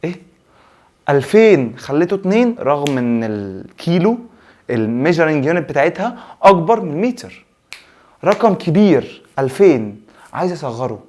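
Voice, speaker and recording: A young man teaching a science revision lesson in Egyptian Arabic, animated and teasing, mixing English terms into his speech. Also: fairly high pitch, fairly quick.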